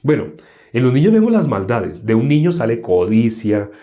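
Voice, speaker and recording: A male preacher delivers a sermon in a dark, mellow voice. He leans on rhetorical questions to his listeners. He acts out the people he quotes with sudden leaps in pitch. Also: big pitch swings, normal speed.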